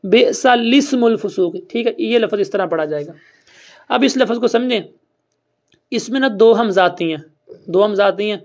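Speaking in a mid-range, darkish voice with frequent pauses, a recitation teacher gives a call-and-response class. The teacher patiently explains step by step in plain conversational terms and keeps quizzing students to repeat answers.

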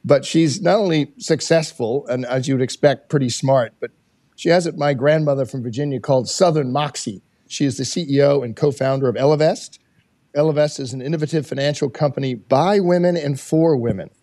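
Man co-host with a gravelly voice. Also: mid-range voice, fairly quick, warm tone, no room sound, studio quality. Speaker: podcast co-host.

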